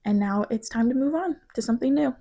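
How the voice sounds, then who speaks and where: A woman's voice: on the high side, mellow. Reflective young woman vlogging. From Missouri. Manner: emotional, halting, reflective. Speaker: design student vlogger. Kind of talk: reflective vlog talk.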